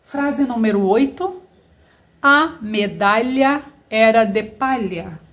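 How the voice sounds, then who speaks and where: A woman teacher reads sentences aloud one word at a time. She spells out letters as she writes. Her voice sits a little high and moves very slowly. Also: a bit bright. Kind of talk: slow dictation lesson.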